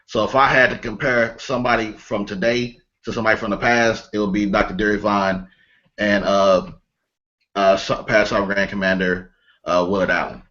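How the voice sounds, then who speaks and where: A man co-hosting a panel discussion who answers haltingly, thinking aloud as he goes. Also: fairly low pitch, flat delivery, pushed and bright. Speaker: podcast co-host. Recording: dull, lo-fi audio.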